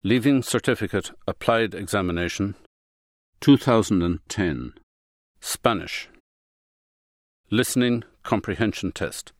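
A man announces an exam title in a formal, measured way. His voice is fairly low and his delivery slow. It is a dry studio recording. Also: animated, no room sound.

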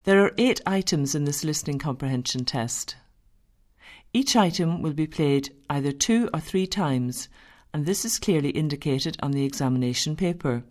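A woman reading formal exam instructions in a measured, deliberate way. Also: sits low, animated, darkish tone. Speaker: exam announcer.

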